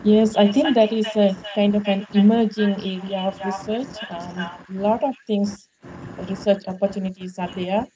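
A woman's voice: medium pitch, steady tone, crowd noise. Middle-aged woman explaining on a video call. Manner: measured, explanatory, many ums. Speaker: featured guest, engineering professor. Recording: dull lo-fi video call audio.

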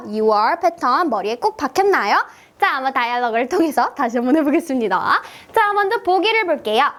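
A woman leads a children's English lesson in a high, bright voice that swings widely up and down. She sounds playful and sing-song, throwing in big gasps and cheerful prompts to young learners.

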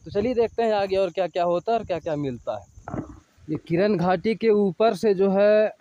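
A man's voice: high-pitched, moderate pace, mellow, muffled recording, slight background noise. A man in his thirties, talking to viewers as he walks through a village and forest, filming himself on a handheld phone. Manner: chatty, addressing viewers while hiking. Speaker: travel vlogger. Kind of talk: outdoor travel vlog. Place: outdoors in village and forest trail. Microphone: handheld phone at arm's length.

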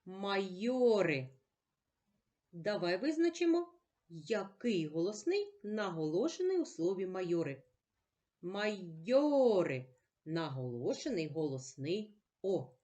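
A woman teacher giving a slow, patient reading lesson for children, asking questions and answering them herself. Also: lowish voice, sing-song, mellow. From Ukraine.

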